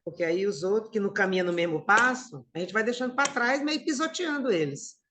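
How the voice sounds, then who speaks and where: A woman's voice: medium pitch, animated, fairly quick, a bit bright, a little hiss or hum. A middle-aged woman from Brazil giving a conversational spiritist lecture, calling her listeners brothers and sisters.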